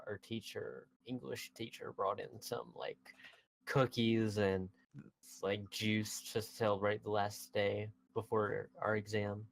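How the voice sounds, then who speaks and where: A man's voice: on the low side, level tone, slow pace, vocal fry, no echo. A teenage boy in a casual chat among friends, giggling and repeating his starts. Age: teens. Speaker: podcast co-host.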